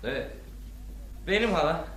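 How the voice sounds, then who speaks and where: A man's voice: a little high, animated, unhurried, a bit bright, slightly rough, full character voice. An actor playing an earnest young man in love in a radio drama, emphatic and frank. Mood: dejected.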